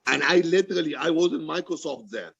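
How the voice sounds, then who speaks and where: A male author and poet answers audience questions at a book reading, talking candidly and passionately about his writing, emphatic and often repeating himself for stress. His fairly high voice is brisk, a bit bright, slightly rough, with vocal fry. The audio is dull with no room sound.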